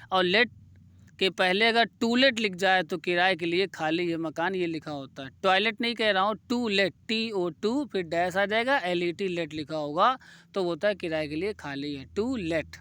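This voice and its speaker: A man teaching English grammar, dictating example sentences slowly and explaining in quicker bursts. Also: high voice, bright, forceful tone, clean tone. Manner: slow, drawn-out dictation of example sentences, brisk explanations in between. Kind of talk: spoken English lesson.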